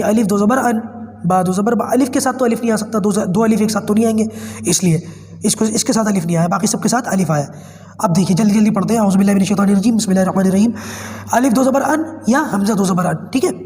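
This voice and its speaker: A man's voice: very high-pitched, a little mellow, big-room sound. A man teaching Quran reading in an online class, patiently spelling out drills, with a cold and a cough, speaking with a Pakistani Urdu accent.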